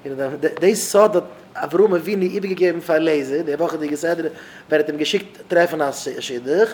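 Emphatic rabbi preaching over background noise. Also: male voice, on the high side, brisk. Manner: emphatic, voice swelling loud on key words. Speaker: rabbi giving a talk to young married men.

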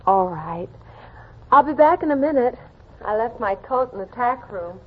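Radio drama girl, seventeen: high, breathy-husky, gentle and earnest, muffled vintage sound. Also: animated, moderate pace. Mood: anxious, earnest. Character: sweet, brave seventeen-year-old girl in a wheelchair. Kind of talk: old-time radio drama acting. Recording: muffled, narrow old radio recording.

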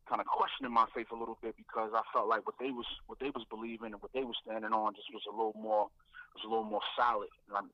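A man, a guest rapper, telling his faith story in a reflective way, often repeating words and filling pauses. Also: on the low side, no echo, lo-fi sound.

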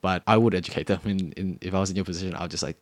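There's no room sound as this young Australian podcast co-host races along in a low-pitched voice, chatting casually and rambling with lots of fillers.

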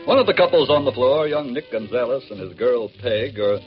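Male 1940s radio narrator, solemn and emphatic, expressive pitch, dull old disc recording, faint music. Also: a little fast. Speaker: narrator of a radio crime drama.

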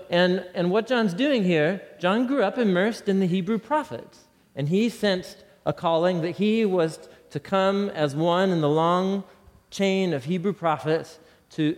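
A man giving a conversational Bible teaching, animated and putting rhetorical questions to his listeners. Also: fairly high pitch, long reverb tail.

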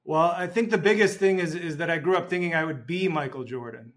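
A man from Chicago talking as a guest on a podcast, relaxed and chatty, often repeating a word as he tells a story. His voice sits a bit higher than most men's. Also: fairly quick, poor audio. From Chicago, United States. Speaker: podcast guest, functional medicine doctor. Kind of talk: casual interview chat.

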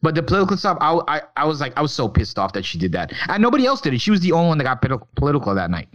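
A man's voice: fairly high pitch, huge pitch swings, rapid-fire, highs cut off. A man co-hosting a podcast, chatting casually about film and talking in rambling, profane bursts full of restarts. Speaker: podcast co-host.

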